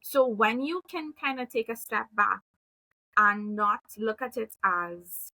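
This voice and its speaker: Woman, behavioral analyst guest, calm measured explaining, vocal fry, dry room. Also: a little high, no echo, low-quality recording. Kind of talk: explanatory conversation.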